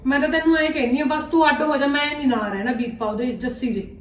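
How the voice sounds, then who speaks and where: A woman's voice: sits high, a little hiss or hum, close to an everyday voice. A woman playing an overworked elder daughter-in-law who scolds and complains in an amateur village family skit. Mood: complaining. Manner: rapid, scolding, indignant complaints. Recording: roomy echo, distant from the mic.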